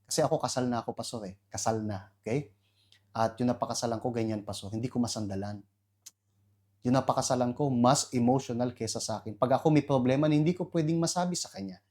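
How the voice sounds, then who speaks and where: A weary married woman pours out her troubles to her pastor in a soft, low, tired voice, as a male preacher puts her on. She sounds worn down and complains quietly. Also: quick pace, natural voice.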